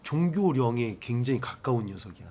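A man's voice: mid-range voice, lively intonation, fairly quick, dark tone, slight background noise. A man hosting a ghost investigation in a casual, joking, informal way with questions and commentary.

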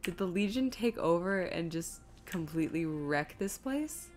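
Over soft background music, a woman with a lowish, slightly mellow voice streams a game at a measured pace. Her delivery is animated as she thinks out loud, reads chat aloud, and pokes fun at herself in loose, rambling commentary.

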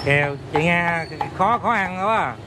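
A man's voice: high-pitched, unhurried. A man with a southern Vietnamese accent bantering casually and jokily, often repeating his words. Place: outdoors by a street. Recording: noisy outdoor street with traffic.

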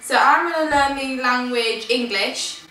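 A young woman co-hosting a casual vlog, giggly and excitable as she chats. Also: high-pitched, unhurried, very noisy. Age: young adult. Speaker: vlog co-host. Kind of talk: casual chat. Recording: echoey room from far off.

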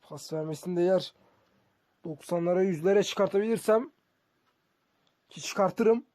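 A man's voice: high-pitched, moderate pace, dark tone, no echo. A man giving casual, conversational game commentary to his viewers as a streamer. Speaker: gaming streamer.

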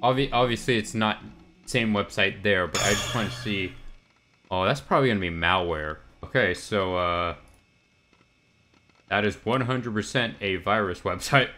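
A man's voice: lowish voice, bright, forceful tone. A man casually commenting on a video game as he plays, with dry, sarcastic remarks and frequent laughs. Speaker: let's play gamer.

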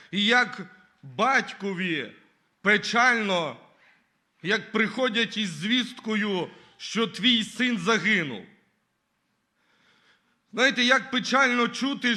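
A man's voice: very high-pitched, pushed and bright. A man giving his testimony at a church service, earnestly reading scripture and often calling the listeners brothers and sisters.

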